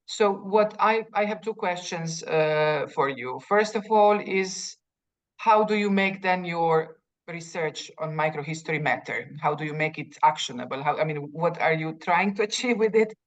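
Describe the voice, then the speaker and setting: A woman's voice: low-pitched, normal speed. A woman from Croatia, asking a seminar speaker questions in a thoughtful way with frequent restarts.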